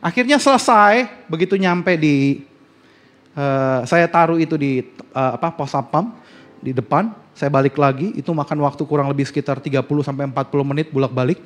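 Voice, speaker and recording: A male pastor preaching a sermon, telling a family story, acting out the dialogue and swinging between loud outbursts and hushed asides to the congregation. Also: a little high, fairly quick. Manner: addresses congregation often. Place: church sanctuary.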